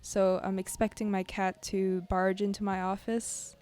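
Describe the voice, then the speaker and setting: Easygoing woman streaming art, casual chatty talk, medium pitch, some music in the back. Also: flat delivery, measured pace, darkish tone, clean tone. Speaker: art livestreamer. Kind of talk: casual livestream chat while drawing. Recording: music behind the voice.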